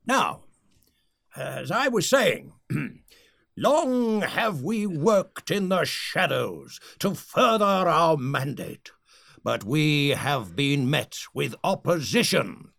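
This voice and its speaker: An actor playing a pompous, short-tempered male leader of a secret candy society in a comedy audio sketch, with grand theatrical speeches and a gravelly voice. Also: very animated, slow, fairly bright tone, no room sound, clean studio sound, full character voice. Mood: exasperated. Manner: theatrical, booming speeches, easily irritated.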